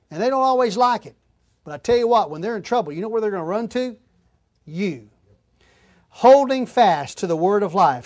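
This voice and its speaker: A man preaching an expository sermon, reading scripture aloud and then explaining it plainly to his listeners, whom he calls folks. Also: sits high.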